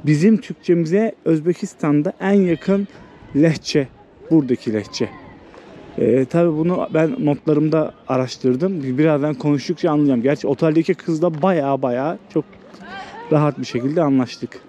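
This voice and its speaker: A travel vlogger and host, speaking at normal speed in a fairly high voice with a dark tone, thinks aloud informally. He's outdoors walking an old walled town, and city ambience and background noise fill the recording.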